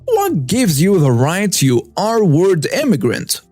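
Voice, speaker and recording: A man's voice: high-pitched, huge pitch swings, slow pace, a little mellow, no room sound, faint music behind, voice pushed up, heavily acted. A man voicing a rude, hostile, entitled middle-aged mother who speaks with scorn. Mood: scornful. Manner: scornful, insulting.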